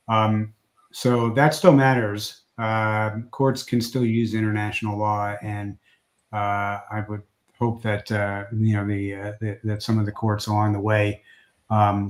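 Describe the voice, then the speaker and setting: A man who is an immigration lawyer talks through a livestream update over a video call. His voice is slightly low and a little hoarse. He speaks haltingly, restarting often with fillers.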